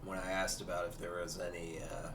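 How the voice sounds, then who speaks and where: A man playing a tabletop game, talking casually in character and pausing mid-sentence. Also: sits low, flat delivery. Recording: distant, echoey, noisy room microphone.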